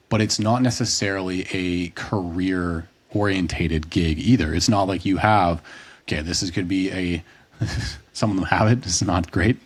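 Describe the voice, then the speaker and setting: A man with a very low, husky voice holds forth in a casual podcast conversation. He thinks out loud in long, looping sentences, restarting himself and throwing in the occasional curse word. He sounds like a fitness coach in his late twenties or thirties. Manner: long rambling explanations, frequent restarts, occasional swearing.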